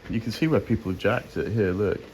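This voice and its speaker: A man chatting casually in a garage workshop about restoring a car, relaxed and rambling as he explains plans. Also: on the low side, quick pace, a little hiss or hum. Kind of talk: casual chat while working on a car.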